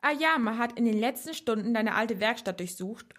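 Woman reading Minato, a calm young man. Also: on the high side, moderate pace. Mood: accusing. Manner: calm, reasoning, lecturing. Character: young man, clever, calm, cool-headed investigator.

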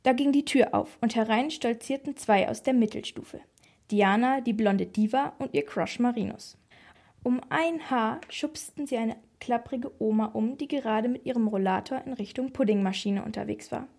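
A woman narrating a children's audiobook in a lively, expressive way, with a breathy voice. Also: a little high, moderate pace.

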